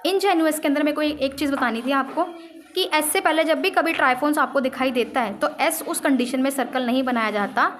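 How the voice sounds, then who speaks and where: A woman teaching a shorthand lesson, explaining signs on a board and slowly repeating each example word. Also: high-pitched, a bit bright. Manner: repeats example words slowly, drawing out syllables.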